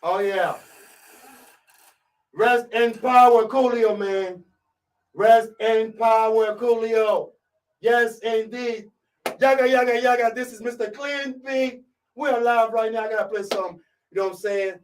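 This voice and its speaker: A man from Côte d'Ivoire hosting a live radio show, hyping listeners and filling every pause with "you know what I'm saying". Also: very high-pitched, fairly even intonation, distant mic, low-quality recording. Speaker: radio host.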